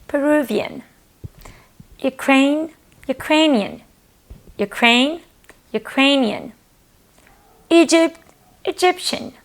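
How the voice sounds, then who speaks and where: A woman teaching an English lesson, speaking slowly and clearly and repeating words for learners to copy. She is from Romania. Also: a little high.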